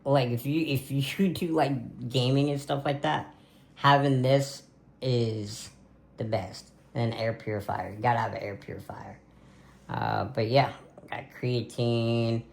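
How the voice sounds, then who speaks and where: A man's voice: mid-range voice, fairly even intonation, unhurried, vocal fry, darkish tone. A man in his twenties talking casually to camera in a birthday vlog from his gaming room, rambling with lots of fillers. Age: 20s. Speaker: content creator. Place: home gaming room, indoors.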